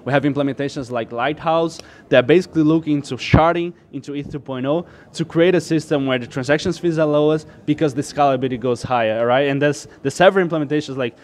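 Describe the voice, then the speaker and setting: A man's voice: on the high side, fast, few pauses. A man from Brazil, a startup co-founder, explaining his project as an interview guest in a loose, filler-heavy way. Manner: explanatory, loose, full of "like" and restarts. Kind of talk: casual tech interview.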